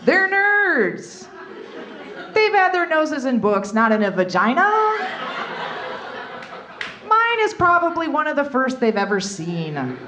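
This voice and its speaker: Performing stand-up at a live comedy club with an audience, a woman comedian tells candid, bawdy stories and acts out asides. Her voice is high-pitched with a fairly bright tone.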